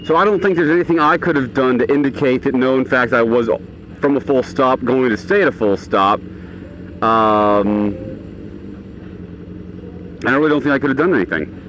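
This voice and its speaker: A man's voice: medium pitch, normal speed, long pauses, fairly bright tone. Man talking inside a motorcycle helmet, noisy. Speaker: motorcycle vlogger. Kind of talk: casual rambling vlog talk. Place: outdoors on a motorcycle in traffic. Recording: engine and road noise, inside a helmet.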